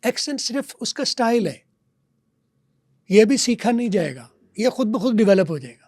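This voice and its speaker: A man's voice: high-pitched, very animated, normal speed, a little mellow, no room sound, clean studio sound. A man, a teacher guest on a podcast, lecturing and repeating example words. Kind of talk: podcast interview, explaining.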